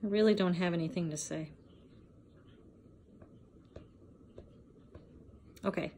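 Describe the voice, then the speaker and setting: A woman's voice: on the low side, darkish tone. A middle-aged woman playing a bitter, defiant, miserable woman in drug rehab in a dramatic monologue, sullen and sarcastic, at times dropping toward a whisper. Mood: guarded, flat. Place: small plain room indoors. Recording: noisy room recording.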